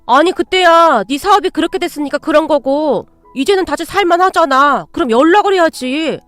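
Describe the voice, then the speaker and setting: A woman's voice: sits high, animated, moderate pace, fairly bright tone, dry recording, faint music behind. A woman voicing a grown man's blunt, scornful older brother in a storybook reading. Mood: scolding. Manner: brusque, demanding.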